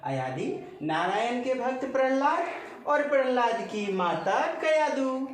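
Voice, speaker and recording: A man's voice: very high-pitched, big pitch swings, slow. A male teacher, giving a playful, chatty exam-prep grammar lesson and drawing out repeated words. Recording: very echoey room, voice from a distance.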